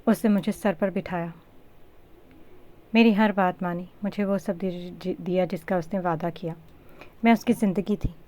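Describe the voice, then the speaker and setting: A woman's voice: lowish voice, fairly even intonation, moderate pace, long pauses, dark tone, lightly acted. Woman voicing a heartbroken, furious young wife. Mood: grieving.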